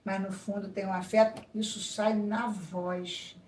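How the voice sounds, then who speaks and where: A woman's voice: medium pitch, flat delivery, unhurried, a little mellow, a little hiss or hum. A woman psychoanalyst explaining ideas in an interview, thoughtful and full of asides. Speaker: psychoanalyst guest. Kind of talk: reflective interview talk. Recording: echoey room, voice a bit far from mic.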